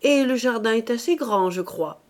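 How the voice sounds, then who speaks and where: Fussy lodger wife as a woman reads her, eager wheedling chatter, lively rising and falling pitch, audiobook reading. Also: moderate pace, lightly acted.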